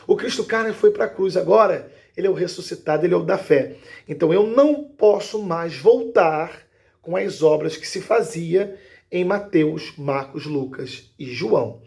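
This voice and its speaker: A male pastor speaks high in his register, and a gravelly rasp runs through his voice. He teaches scripture with steady emphasis and often pauses to check that his listeners are following. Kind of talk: Bible teaching video.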